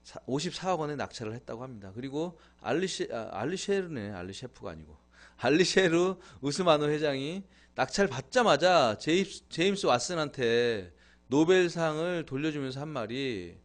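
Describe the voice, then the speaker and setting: A man's voice: fairly high pitch, very animated, moderate pace. Chatty man hosting a live stream. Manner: chatty, thanks viewers, laughs often. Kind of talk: casual live-stream talk.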